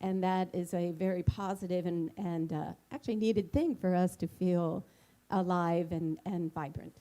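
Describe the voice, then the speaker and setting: Gentle, hesitant female co-minister. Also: fairly low pitch, fairly even intonation, normal speed. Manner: gentle, hesitant, many fillers. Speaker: spiritual community co-minister. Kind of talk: casual sermon.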